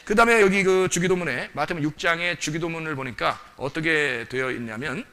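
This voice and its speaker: A male pastor delivers a lively sermon at a quick clip. His voice sits a little high, with a bright, gravelly texture. He keeps asking the congregation questions and acts out the voices he quotes.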